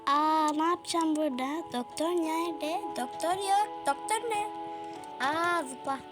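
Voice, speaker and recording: A woman's voice: high-pitched, a little slow, over music. A woman giving casual let's-play commentary, chatty and exclaiming as she talks to her viewers. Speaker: gaming YouTuber.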